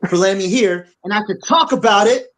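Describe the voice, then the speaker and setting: Brief: high-voiced male podcast co-host, blunt and profane, repeats himself mid-rant. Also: brisk, low-quality recording. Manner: blunt, repetitive, profane, animated. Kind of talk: heated opinion rant. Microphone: on camera.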